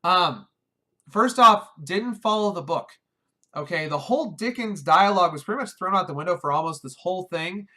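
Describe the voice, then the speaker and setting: Guy doing a film review, pretty high voice, wry and fed up, trips over his words a bit. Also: expressive, normal speed, pushed and bright. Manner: wry, exasperated, talks over himself with restarts. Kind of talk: casual video review.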